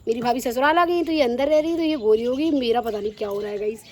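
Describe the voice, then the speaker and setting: A young woman chatting casually to her vlog viewers, teasing and animated. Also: a little high, fast, a little hiss or hum. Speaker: vlogger.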